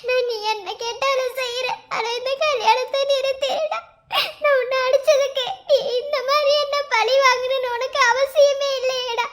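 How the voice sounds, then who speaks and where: Lady doing a squeaky high young bride begging, tearful, cartoon. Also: measured pace, fairly bright tone. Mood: desperate pleading. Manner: tearful, pleading. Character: heartbroken young bride pleading to stop wedding.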